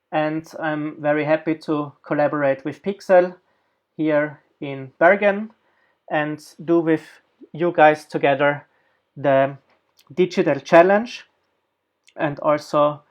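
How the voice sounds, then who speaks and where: An Austrian designer and researcher gives an academic guest lecture, speaking haltingly with plenty of fillers. His voice is fairly high-pitched and creaky.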